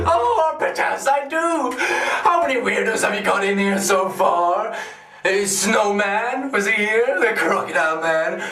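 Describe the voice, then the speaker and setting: An actor playing a deranged, gleeful, sadistic clown supervillain in a theatrical monologue, mocking and erratic, recorded with a roomy echo. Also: male voice, high-pitched, far from the mic, noisy background. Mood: taunting, gleeful. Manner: theatrical, mocking, erratic swings between whispering and shouting.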